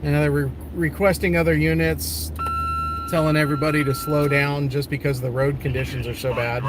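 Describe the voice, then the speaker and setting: A man's voice: on the high side, level tone, moderate pace. A man giving casual live commentary as a storm chaser from inside a car, talking conversationally with hesitant phrasing. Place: in a car on the road. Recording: noisy vehicle interior, road noise.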